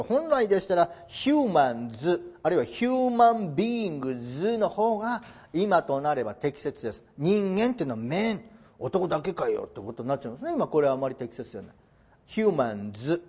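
Husky, lively high-voiced male teacher. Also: muffled recording. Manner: playful, joking asides with formal polite phrasing. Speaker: English teacher. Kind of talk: classroom lecture on English translation.

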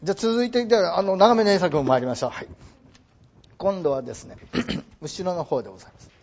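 A man's voice: sits high, fast talker, a little mellow, lo-fi sound. A man teaching English translation in a lecture, mixing formal polite phrasing with playful joking asides.

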